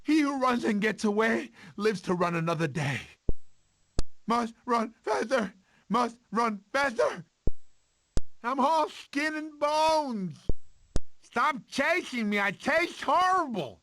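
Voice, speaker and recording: An actor playing a cowardly, talkative male sloth in an animated video game, with an excitable, theatrical, whiny delivery. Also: very high-pitched, slow pace, a little hiss or hum, full character voice. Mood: panicked, whiny.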